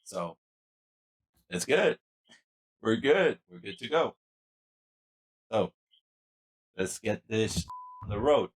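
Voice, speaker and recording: Low-voiced slow-talking male vlogger. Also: rough recording. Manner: relaxed, chatty, thinking aloud. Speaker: channel host. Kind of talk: casual unboxing vlog. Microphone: podcast mixer microphone.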